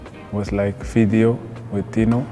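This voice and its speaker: A young man in his twenties from the Netherlands with a Dutch accent, a footballer giving casual interview answers in a relaxed, hesitant way with many fillers. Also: fairly low pitch, unhurried, soft background music. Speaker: football player. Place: indoor hotel room.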